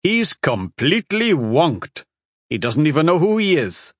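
A man playing a folksy older husband in a storybook, blunt and plain-spoken, his voice raised and louder than the narration. He scolds when he is worried. The sound is dry and close. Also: fairly high pitch, sing-song, a little slow, no room sound, pitched above the performer's own voice. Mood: scolding.

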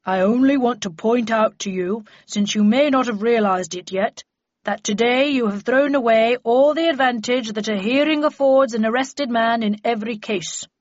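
A woman's voice: fairly high pitch, moderate pace, no echo, natural voice. Woman doing a stern, pompous magistrate. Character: small, fat, heavy-breathing male magistrate. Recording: dull, dry lo-fi recording.

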